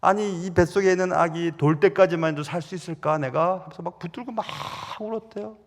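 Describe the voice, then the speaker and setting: A middle-aged man preaching a Sunday sermon, telling stories with sudden loud rises and soft drops. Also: high-pitched, a little fast, long reverb tail. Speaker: pastor. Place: large church sanctuary.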